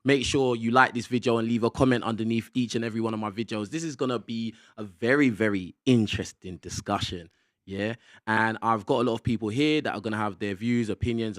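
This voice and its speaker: A man's voice: medium pitch, fairly bright tone, no echo, studio quality. A young man hosting a casual podcast panel, who keeps tagging his sentences with "yeah?". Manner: chatty, tags sentences with "yeah?". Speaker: podcast host.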